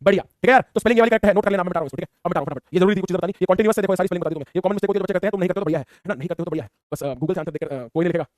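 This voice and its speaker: A high-voiced man rattling through a class at top speed, teasing students with "है ना" after almost every line. He sounds like a teacher talking close to the mic in a dry room with no echo. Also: very fast, few pauses, darkish tone. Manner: teasing, playful, repetitive tag questions. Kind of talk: fast online class lecture.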